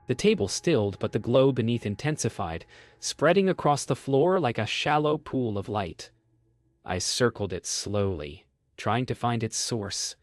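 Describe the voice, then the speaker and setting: A man reads a scripted first-person horror story as narrator, with measured, deliberate phrasing. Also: on the low side, dry recording.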